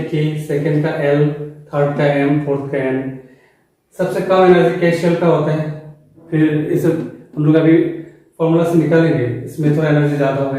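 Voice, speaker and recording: A man's voice: fairly high pitch, warm tone. A man teaching a chemistry class, explaining step by step and quizzing students with questions as he goes. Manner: mixes in English terms and formulas. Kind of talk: classroom lecture. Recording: very echoey room, voice from a distance.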